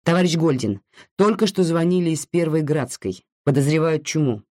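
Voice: medium pitch, expressive, normal speed, a little mellow, lightly acted. Reader doing a flustered, placating male minister.

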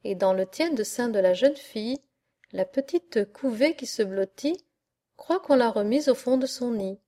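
A woman narrating a classic verse tale as an audiobook, reading in a measured and expressive way. Her voice is fairly high yet soft and mellow, and she takes a very slow, deliberate pace. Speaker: audiobook reader.

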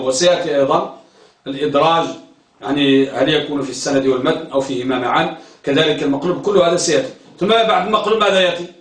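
Male lecturer, high voice, heard from a distance in a roomy classroom, quizzes and repeats terms. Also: a bit bright. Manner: questioning, repeats key terms, tells students to focus. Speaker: teacher of hadith terminology. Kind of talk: classroom lecture with questions to students.

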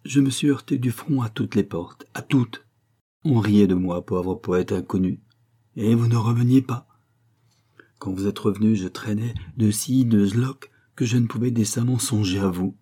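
A man voicing a timid young male poet who speaks humbly and imploringly, in a low, husky voice. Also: normal speed, warm tone. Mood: bitter.

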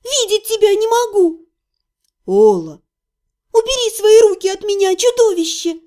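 A woman voicing a hysterical young woman who speaks shrilly and loudly. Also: sing-song, unhurried, exaggerated voice. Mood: shrill. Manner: shrill and loud.

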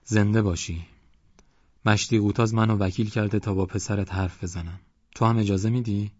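A calm village cleric speaks patiently and coaxes gently, read by a man with a low voice. The recording is dry and slightly muffled. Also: no echo, lightly acted. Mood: coaxing. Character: older male village cleric, calm and persuasive.

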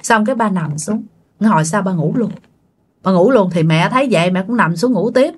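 A woman's voice: mid-range voice, lively intonation, moderate pace, breathy edge. A woman telling a ghost story, speaking animatedly and addressing her listeners directly. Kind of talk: spoken ghost story narration.

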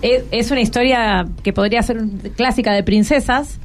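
A woman with an Argentine accent from Buenos Aires hosts a conversational radio interview with schoolchildren, nudging them along with short follow-up questions. Her voice is a little high with fairly even intonation at a normal speed, and there's a slight hiss or hum.

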